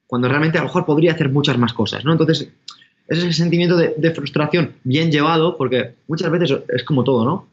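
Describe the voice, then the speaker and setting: A man's voice: on the high side, brisk, muffled recording. A man from giving an interview, talking casually in a rambling, self-correcting way. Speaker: interview guest, entrepreneur.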